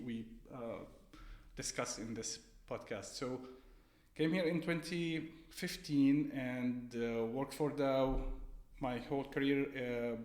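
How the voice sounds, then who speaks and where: A man, speaking as a guest on an interview podcast in a polite, steady and methodical way. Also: medium pitch. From Syria. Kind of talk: conversational interview. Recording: roomy echo.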